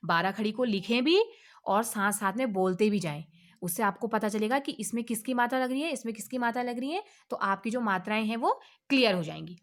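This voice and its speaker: A woman teaching an alphabet lesson to children, asking questions and answering them herself, drawing out each letter slowly. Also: fairly high pitch. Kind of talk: online Hindi lesson for children.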